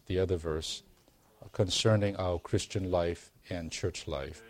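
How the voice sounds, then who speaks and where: A man preaching a sermon to a congregation, earnest and unhurried, growing emphatic as he reads and explains scripture. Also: deep voice, darkish tone, no echo. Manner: slow, earnest, calls for amens, rising to emphatic preaching.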